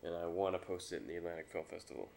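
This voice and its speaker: A young man who is sick with a stuffy nose, giving a low-key, hesitant, rambling vlog update into a webcam. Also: animated, rapid-fire, creaky, darkish tone, slight background noise. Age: young adult. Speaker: vlogger and amateur filmmaker. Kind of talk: casual, unscripted update vlog. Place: small room indoors. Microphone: webcam or laptop mic at arm's length.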